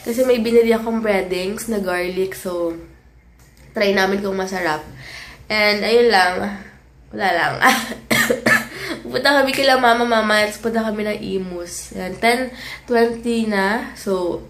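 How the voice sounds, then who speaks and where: A woman's voice: mid-range voice, unhurried, pauses often, a bit bright, rough recording. A young woman with a stuffy cold, chatting casually at home while cooking, rambling and laughing often. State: congested with a cold. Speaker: vlogger. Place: home kitchen.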